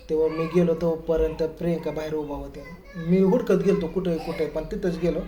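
A man telling a family story to the camera in a casual way, acting out what others said. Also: a little high. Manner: lively retelling that acts out others' quoted words. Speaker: family vlogger. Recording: echoey room with faint ambient noise.

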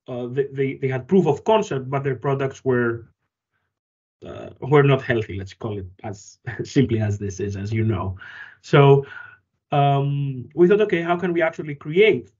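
A man's voice: medium pitch, a little mellow, slightly rough, dull audio. A man from Greece, founder of a food company, answering interview questions thoughtfully with frequent fillers and restarts.

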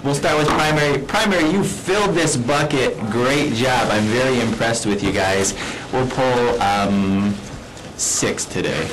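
A man's voice: medium pitch, unhurried. Cheerful male school administrator on morning announcements, some background noise. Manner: upbeat, stumbling over words. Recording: noisy school studio.

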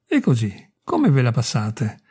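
A man voicing a boisterous, crude male soldier in a read-aloud story, loud and jeering. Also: medium pitch, huge pitch swings, a little slow, breathy edge, heavily acted. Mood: awkward.

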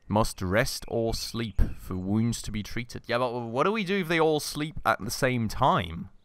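A man hosting a let's-play, thinking aloud with many fillers and self-corrections, his voice slightly husky from a recent illness. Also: medium pitch, expressive, a little slow, a bit bright, dry recording. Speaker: gaming channel host. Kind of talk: casual let's-play commentary.

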